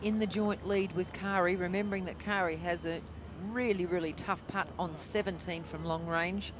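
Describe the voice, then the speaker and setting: A woman's voice: lowish voice, fairly even intonation, normal speed. A woman giving live television golf commentary, reacting to play with descriptive analysis. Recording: noisy outdoor broadcast sound. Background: outdoor tournament ambience.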